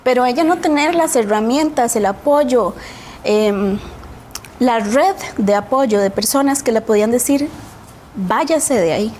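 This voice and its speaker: A woman's voice: fairly high pitch, unhurried, darkish tone, slight background noise. A woman with a Costa Rican accent, a guest on a TV talk show, earnestly telling her own story and often adding a questioning tag. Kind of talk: personal storytelling in a TV interview.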